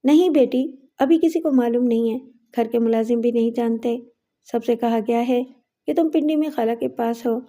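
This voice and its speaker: A woman's voice: a little high, dark tone, lightly acted. A woman voicing an anxious, loving middle-aged mother who pleads with emotion in a raised voice. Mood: urgent.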